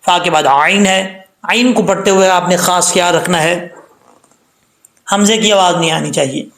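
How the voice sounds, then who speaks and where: A man with a high voice gives a tajweed lesson in a roomy, echoing space. He explains each letter sound in plain talk, then chants the verse slowly with long, drawn-out vowels, dropping in short checks like "okay" between points. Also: fairly bright tone. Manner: says "ok" and "theek hai" between points. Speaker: Quran recitation teacher.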